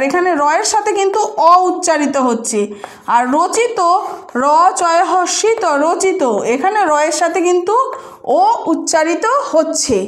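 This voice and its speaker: Female teacher, very high-pitched, patient explainer, recorded in a reverberant room. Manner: explaining patiently with questions to students. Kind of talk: spoken Bengali grammar lesson.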